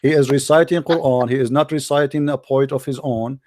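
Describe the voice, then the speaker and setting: A man hosting a heated call-in debate, combative and taunting, repeating his questions, his voice hoarse from shouting. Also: mid-range voice, steady tone, fairly quick, no echo, clean studio sound. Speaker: host of a live call-in debate show.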